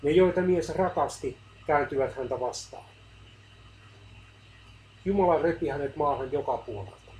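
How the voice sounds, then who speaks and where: Brief: male narrator, devotional book reading, earnest measured pace, slightly raised pitch. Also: darkish tone, a little hiss or hum, low-quality recording. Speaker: reader.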